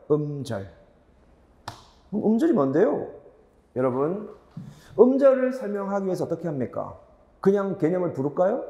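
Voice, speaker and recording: 에코가 울리는 강의실의 남자 강사. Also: male voice, sits high, mellow, roomy sound, long reverb tail. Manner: rhetorical questions to students, emphatic repetition. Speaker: Korean grammar teacher. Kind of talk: lecture.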